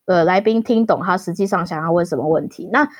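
A woman with a Taiwanese Mandarin accent giving measured, conversational interview answers as a guest interpreter. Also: on the low side, no echo, studio quality.

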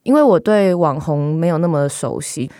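Taiwanese woman reporter chatting on a podcast thru a face mask, deep voice, dry studio sound. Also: lively intonation, normal speed, mellow, no room sound. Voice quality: speaking through a face mask. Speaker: journalist guest. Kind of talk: conversational podcast discussion.

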